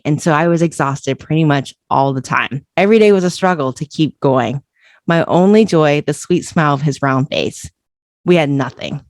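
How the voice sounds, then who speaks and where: A woman podcast host reading a book excerpt aloud in an earnest, expressive way, then interviewing her guest. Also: low voice, no echo, studio quality.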